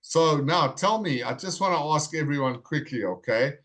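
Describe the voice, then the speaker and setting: A man with a slightly high, expressive, somewhat bright voice teaches a live online English class by video call. He greets his students and says their names back slowly and clearly.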